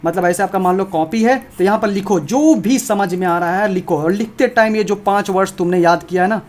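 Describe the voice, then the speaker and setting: A man's voice: high voice, a little fast. A man teaching an informal video lesson on exam preparation, emphatic and repetitive, talking straight to his viewers.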